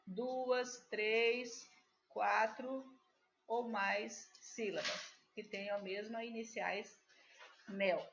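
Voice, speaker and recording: A woman's voice: a little high, a bit bright. A woman teacher, patiently walking young pupils through a workbook task and checking often that they follow. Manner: slow, patient, with frequent checking tags. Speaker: primary school teacher. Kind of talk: recorded remote class walkthrough. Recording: slightly dull lo-fi audio.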